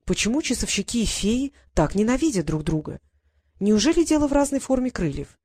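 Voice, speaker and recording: A woman voicing a calm, scheming male clockmaker lord with a dry, mocking way of talking. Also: a little high, a little fast, breathy edge, no echo, pitched above the performer's own voice. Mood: cool, ironic.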